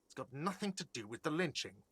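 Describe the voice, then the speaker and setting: A man's voice: a little high, very animated, a little fast, bright, forceful tone, husky, no room sound, exaggerated voice. A man voicing an irritable, defensive café manager who talks curtly and sarcastically. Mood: irritated. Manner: curt, sarcastic, impatient. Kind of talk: video game voice acting.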